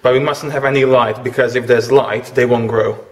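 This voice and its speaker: Here the man from Bosnia and Herzegovina, a guest cook and orchid judge, talks through his cooking steps fairly quickly. His voice sits mid-range with fairly even intonation, and the casual demonstration has a roomy sound and faint noise.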